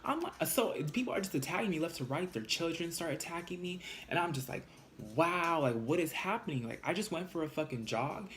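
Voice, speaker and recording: A man telling a dramatic personal story to the camera in a casual vlog. He swears a lot, and his voice leaps high whenever he acts out the arguments. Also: slight background noise. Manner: animated, profane, jumps high in pitch when quoting arguments. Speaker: vlogger.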